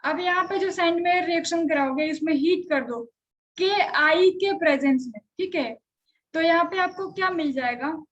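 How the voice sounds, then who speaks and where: A high-voiced woman teaches a chemistry lesson and keeps stopping to ask her students whether anything is unclear. The sound is dull and lo-fi. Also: moderate pace, a bit bright. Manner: conversational, checks on students often. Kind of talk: live online class lecture.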